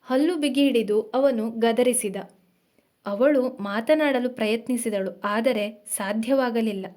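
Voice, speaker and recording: A woman narrating a scripted audio story in a measured, descriptive way. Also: fairly high pitch, darkish tone.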